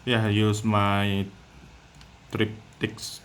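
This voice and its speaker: A man giving casual gameplay commentary from home, talking in a halting way with loose phrasing and many pauses. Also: fairly low pitch, completely flat delivery, fairly bright tone. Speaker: gameplay video maker. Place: at home with a cat nearby. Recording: noisy background hiss.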